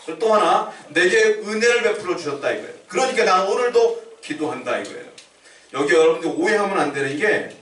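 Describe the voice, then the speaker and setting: Male Korean pastor, conversational sermon, questions to the congregation, fairly high voice, echoey church hall. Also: lively intonation, fairly quick, a bit bright. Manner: conversational preaching, asks the congregation questions and answers them himself. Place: church sanctuary. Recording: echoey church room, mic at a distance.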